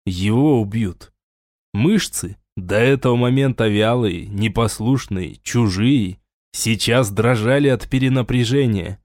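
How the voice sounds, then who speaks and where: A man narrates an audiobook with measured, dramatic pacing. His voice sits mid-range and unremarkable in pitch. The recording is dry and close, with no room sound. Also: a little mellow, dry recording. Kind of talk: scripted narration.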